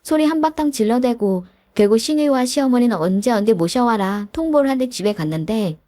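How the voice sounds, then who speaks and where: A woman's voice: a little high, expressive, a little fast, warm tone. A woman narrating her own family story in a weary, plain way. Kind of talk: scripted narration.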